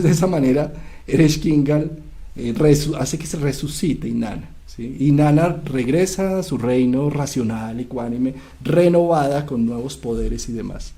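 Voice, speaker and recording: A psychiatrist retelling an ancient myth in an animated, lecture-like way, often pausing to check that his listener follows. His voice is warm and mellow at a middling pitch. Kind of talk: lecture-style storytelling.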